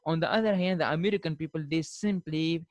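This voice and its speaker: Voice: medium pitch, steady tone, fast, a little mellow, no room sound, highs cut off. A linguistics lecturer teaching pronunciation differences, saying each example word twice and closing points with "fine.". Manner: ends points with a checking "fine".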